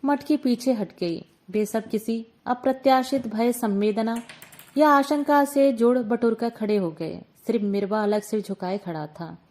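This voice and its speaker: A woman reads a short story aloud in measured, expressive scripted narration. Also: medium pitch.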